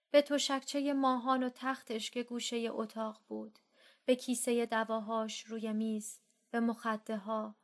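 A woman reading a first-person literary story aloud, often soft and near-whispered. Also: a little high. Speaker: book reader.

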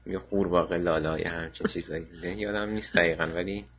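A man's voice: sits low, steady tone, slightly rough. A man hosting a radio podcast, chatting casually and hesitantly. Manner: hesitant, many "uh" fillers. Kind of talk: casual chat. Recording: muffled lo-fi recording.

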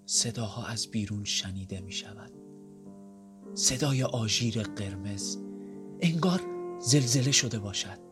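Guy reading stage directions for an audio play, steady and calm, soft music under it. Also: fairly low pitch, long pauses. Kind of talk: scripted drama narration.

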